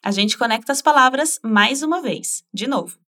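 A woman teaching a language lesson in a slightly high voice. She is patient and encouraging, modeling each phrase slowly and asking the listener to repeat after her. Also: animated, sharp tone.

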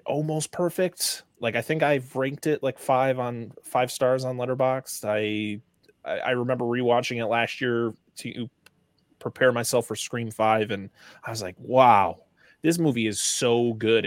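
Excitable guy gushing about movies, close dry mic, mid voice. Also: medium pitch, no echo. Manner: enthusiastic, rambling with restarts. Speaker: podcast guest. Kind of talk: casual film discussion.

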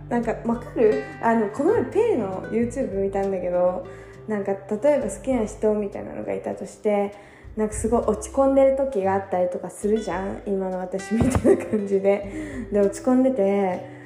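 Young woman, tired, casual solo vlog chat, mellow voice, echoey room, light guitar behind. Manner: chatty, self-mocking, acts out quotes in a higher voice. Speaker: vlogger. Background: soft guitar music.

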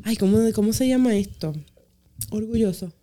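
A woman's voice: medium pitch, moderate pace, dark tone. A young woman with a Dominican Spanish accent chatting casually as a podcast co-host, teasing and insistent. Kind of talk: casual group chat.

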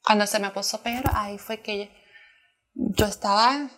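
A woman's voice: medium pitch, steady tone, unhurried, a bit bright. A woman sharing a personal testimony as a church planter in conversation, earnest and emotional, often restarting her sentences.

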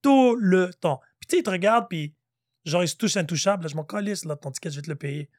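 A man with a Quebec French accent, a guest in a casual podcast chat, telling animated stories and acting out the dialogue. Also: fairly high pitch, rapid-fire, no echo, clean studio sound. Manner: animated storyteller, acts out dialogue. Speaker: guest, real estate broker.

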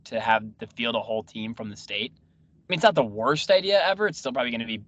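A man's voice: medium pitch, lively intonation, quick pace, a bit bright. A man hosting a casual sports radio chat, wry and teasing, talking a lot. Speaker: radio show host. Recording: muffled lo-fi audio.

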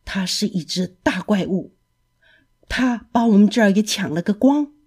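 女声扮演的惊恐的老公鸡. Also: female voice, mid-range voice, animated, moderate pace, slightly rough. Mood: fearful. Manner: hushed, anxious, urgent. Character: frightened old male rooster in hiding.

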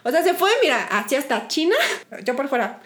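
Young mexican woman, high voice, giggly, acts out her own lines while telling a story. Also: lively intonation, fairly quick, fairly bright tone. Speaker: podcast co-host. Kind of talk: casual storytelling chat.

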